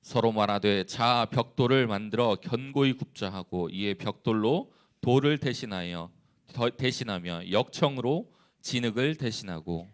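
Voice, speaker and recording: A man who is a church evangelist, leading a responsive scripture reading and then preaching calmly with frequent hesitations. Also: fairly low pitch. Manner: calm, unhurried, with frequent hesitations.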